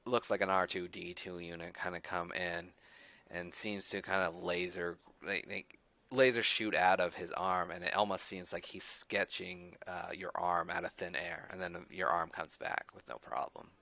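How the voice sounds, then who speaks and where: A young man narrates as game master, his low voice sounding bright and forward. He stumbles through fillers and restarts, and the sound is dry and close. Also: fairly even intonation, creaky, no room sound. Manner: halting, many fillers and restarts.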